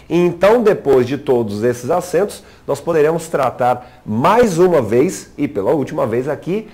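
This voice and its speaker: A man's voice: medium pitch, darkish tone. A man, teaching a grammar lesson in an explanatory way, asking rhetorical questions and checking in with the viewer. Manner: didactic, asks rhetorical questions and leans on "né".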